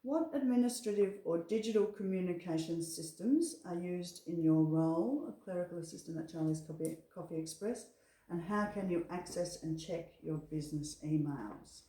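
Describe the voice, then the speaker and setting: Recorded from afar in an echoey room, a woman who works as an assessor and trainer gives an encouraging, reassuring briefing. Her voice is warm and fairly low-pitched, and she talks at a normal speed.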